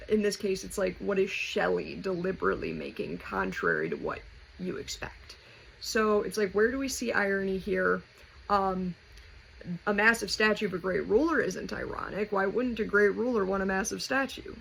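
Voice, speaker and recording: A woman's slightly bright, medium-pitched voice carries this casual poetry lesson, which she hosts while thinking aloud in a chatty, informal way. Noise is clearly audible in the home recording.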